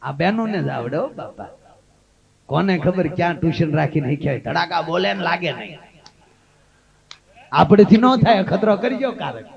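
A man telling comic folk stories on stage with a Gujarati accent, a lively storyteller who jumps into shrill high voices for the women in his tales. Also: normal speed, vocal fry, pauses often. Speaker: folk comedian. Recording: dull lo-fi stage recording with crowd. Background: audience laughter.

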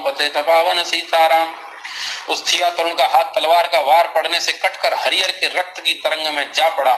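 A man's voice: on the high side, pushed and bright, a little hiss or hum, low-quality recording. A man narrating an audiobook in a grave, dramatic reading style.

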